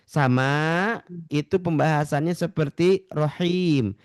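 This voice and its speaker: A man's voice: a little high, smooth. A man teaching Quran recitation in an online class, patiently drawing out and repeating sounds for his students. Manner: slow drawn-out model recitation, repeating sounds; patient, addresses listeners as ladies and gentlemen.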